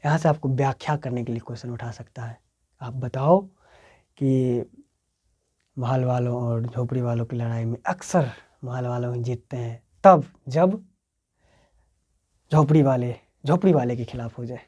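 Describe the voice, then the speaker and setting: A male teacher with a Bihari accent explains a Hindi story to his class. His voice rises and falls as he acts out the characters' lines. He sits in the middle of a man's pitch range and speaks close to the mic. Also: moderate pace, pauses often. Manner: lively, swings loud and soft, acts out the story's quoted lines. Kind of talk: explaining a Hindi story for board exam students.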